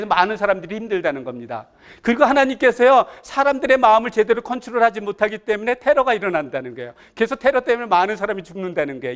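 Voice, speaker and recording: Male Bible study teacher, high voice, conversational and amused, quizzes listeners. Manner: chatty, asks the audience questions, chuckles often. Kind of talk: casual Bible lesson.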